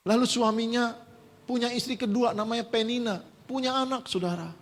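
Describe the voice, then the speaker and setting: Speaking fairly quickly in a very high-pitched, steady voice, a male pastor gives a conversational sermon that addresses the congregation directly with rhetorical questions. The church sanctuary lends a long reverb to the sound.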